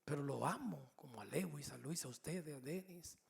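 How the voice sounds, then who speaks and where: Pastor de mediana edad, voz algo aguda y rasposa, sermón narrado con humor. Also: male voice, on the high side, moderate pace. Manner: animated storytelling with humor. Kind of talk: sermon.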